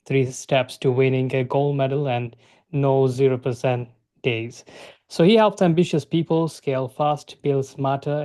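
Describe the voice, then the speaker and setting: A man's voice: mid-range voice, darkish tone. A man hosting an interview podcast, talking eagerly with loose grammar and frequent "like". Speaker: podcast host.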